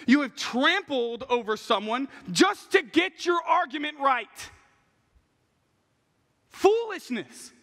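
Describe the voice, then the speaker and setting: Young male preacher, high animated voice, passionate sermon, big hall reverb. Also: slow, long pauses. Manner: passionate, animated, acts out what people say. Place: large church stage at a pulpit. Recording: long reverb of a large hall.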